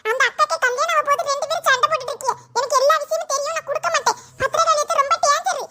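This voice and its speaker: A know-it-all little boy in a cartoon teases and refuses, as a voice actor plays him. He speaks with a Kanyakumari Tamil accent. His voice is very high. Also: fairly even intonation, rapid-fire, sharp tone, heavily acted. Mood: cheeky. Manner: teasing, refusing. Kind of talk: cartoon voice acting.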